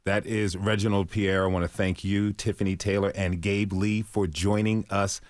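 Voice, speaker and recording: Low-voiced male radio host, dry studio. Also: level tone, dry recording. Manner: measured, scripted delivery. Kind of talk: scripted radio outro.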